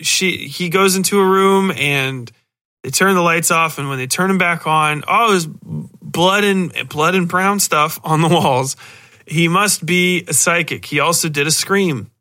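Sitting on the high side, this man's pushed, bright voice moves at an unhurried pace. He's a podcast host rambling through a casual review, exasperated and sardonic, mocking lines by acting them out.

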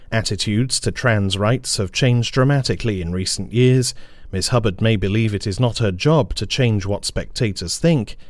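A man delivers a scripted news briefing in a measured, formal manner. His voice sits a little low. The studio recording is dry and close, with no room sound. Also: a little mellow, no echo. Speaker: news presenter.

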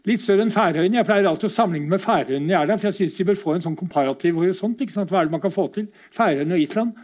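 Higher-pitched man giving a lively lecture. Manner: lively, conversational, asks rhetorical questions. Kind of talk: informal lecture with slides.

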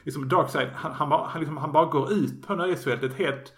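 A man's voice: a little high, a bit bright, roomy sound. A man hosting a casual podcast about comics, talking hesitantly with many fillers and restarts. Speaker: podcast host.

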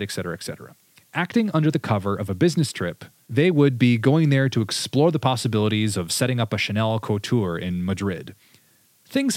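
A man with a low voice hosts a casual history podcast. He talks conversationally and reads out quotes from his sources. The sound is dry and close. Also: a little mellow, dry recording. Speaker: podcast host.

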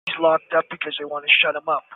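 A man's voice: a little high, monotone, quick pace, breathy edge. A man calling in from prison over a phone line, talking earnestly and stressing his points by repeating them. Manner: earnest, emphatic, repeats key phrases. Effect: heard over a prison phone line. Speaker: caller, an inmate phoning in. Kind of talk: phone interview.

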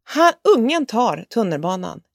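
A woman co-hosting a podcast, a mother who tells stories in an animated way and acts out both sides of each conversation. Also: medium pitch, creaky, no room sound, studio quality. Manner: animated storytelling, acting out conversations. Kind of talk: casual chat among friends.

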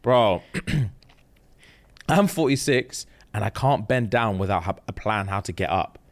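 A man's voice: fairly low pitch, unhurried. A man, co-hosting a podcast in casual banter and laughing often. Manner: animated, laughs often, London slang. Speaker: podcast co-host. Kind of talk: casual chat.

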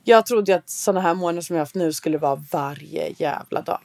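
A woman's voice: on the low side, vocal fry, a little mellow. A woman in her thirties co-hosting a casual podcast, talking frankly and plainly and swearing casually. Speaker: podcast co-host.

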